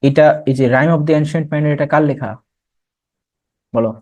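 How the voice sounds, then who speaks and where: A man's voice: a little high, measured pace, a little mellow, lo-fi sound. A young man teaching an admission test revision class, explaining terms and quizzing students as he goes.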